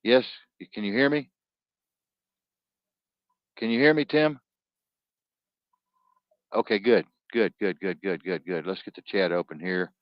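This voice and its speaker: A man's voice: on the low side, measured pace, long pauses, no room sound, muffled recording. A man hosting an online talk stream, tired, rambling and profane, barking orders at his producer.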